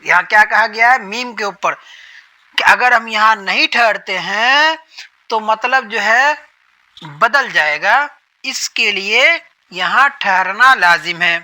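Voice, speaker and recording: A man's voice: high voice, pushed and bright, low-quality recording. A man teaching a lesson on Quran reading, who repeats each point and asks questions that he then answers himself. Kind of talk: explanatory lesson.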